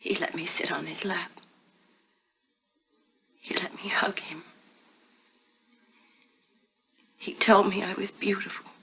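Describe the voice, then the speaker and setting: Brief: a tormented woman baring her past. Breathy, sharp-edged tone. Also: medium pitch, fairly even intonation, a little slow, full character voice. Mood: whispered. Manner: hushed, intense whispering turning fervent. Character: haunted woman confessing a dark girlhood secret.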